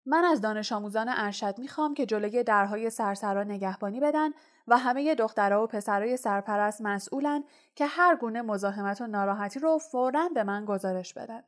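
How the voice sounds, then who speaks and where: Brief: old male headmaster wizard, read by a woman, steady, unhurried instructions. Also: on the high side, natural voice. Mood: calm. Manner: calm, measured instructions.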